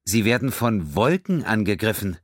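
A man's voice: on the low side, very animated, moderate pace, no room sound, studio quality, voice pushed up. A man voicing a male alien communications officer relaying distress calls in an audiobook. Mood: focused. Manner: careful, reporting.

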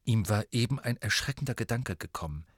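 A man narrating an audiobook in scripted, expressive storytelling. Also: on the low side, fairly quick, no room sound.

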